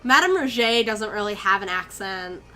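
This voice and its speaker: A young woman from Connecticut streams a horror game, chatting with her viewers while getting spooked easily and swearing. Her medium-pitched voice has lively intonation and a pushed, bright quality at normal speed, with soft music in the background. This is live gameplay commentary, and she comes across as jumpy.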